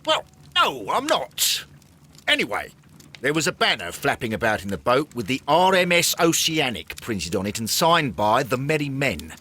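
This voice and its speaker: A man's voice: medium pitch, wildly swooping pitch, moderate pace, bright, forceful tone, exaggerated voice. A man acting a blustering, easily flustered Victorian police inspector in a game, with an English accent and emphatic delivery. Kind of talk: video game cutscene acting.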